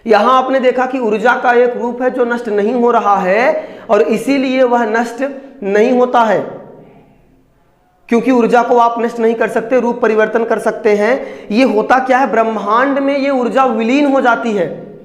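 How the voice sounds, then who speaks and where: A man teaching a Hindi grammar lesson, putting questions to his students and then answering them himself. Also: very high voice. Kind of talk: classroom lecture. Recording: echoey room with long reverb.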